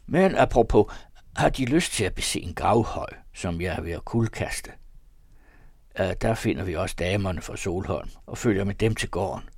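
A man's voice: deep voice, expressive, a little mellow, no room sound, clean studio sound. A man voicing an older male country pastor who talks in an amused, chatty way in an audiobook. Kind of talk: audiobook character voice.

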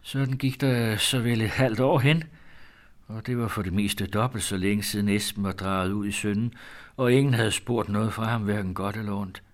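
Male storyteller, low-ish voice, measured, grave, reading aloud. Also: steady tone. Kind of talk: reading an old-fashioned first-person tale aloud.

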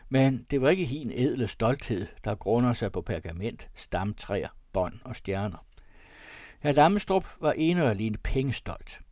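A man narrating classic prose in a measured, expressive storytelling manner. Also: mid-range voice, no room sound, clean studio sound. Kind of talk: scripted reading of classic prose.

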